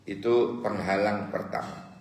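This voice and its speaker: A man preaching a sermon, moving from soft low asides to loud, high emphasis. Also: fairly even intonation, measured pace. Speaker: preacher teaching a religious text. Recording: echoey hall with long reverb.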